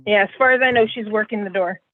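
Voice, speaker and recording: A woman's voice: medium pitch, quick pace. A woman councilor calling into a meeting by phone from her car, speaking plainly over a phone line that keeps breaking up. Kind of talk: casual meeting talk. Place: in a parked car. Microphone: phone call.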